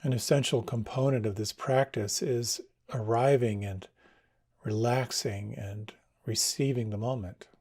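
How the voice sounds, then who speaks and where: Gravelly, mellow-voiced male meditation guide. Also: mid-range voice, steady tone. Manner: slow, soft, soothing instructions.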